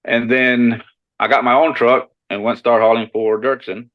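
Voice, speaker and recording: A man's voice: mid-range voice, little pitch movement, moderate pace. Man, from Costa Rica, podcast guest, easygoing, friendly, restarts words, slightly dull sound. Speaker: shed hauling business owner, podcast guest. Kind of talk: casual interview chat.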